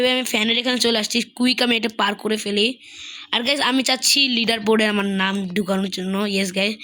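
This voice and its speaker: A woman giving excited gameplay commentary as a gaming YouTuber, repeating words in rapid bursts, with a slightly sore throat. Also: a little high, slight background noise.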